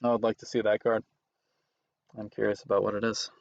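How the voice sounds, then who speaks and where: A man streaming a card game, chatting casually, playful and teasing, sometimes breaking into excited laughter. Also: on the low side, fairly quick, creaky, dry recording, highs cut off. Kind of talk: casual chat while playing a card game.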